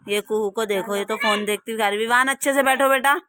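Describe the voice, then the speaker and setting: A woman's voice: fairly high pitch, quick pace, pushed and bright. A woman in her thirties chattily vlogging her family at home on a handheld phone, pointing out each person around her. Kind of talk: casual home vlog narration.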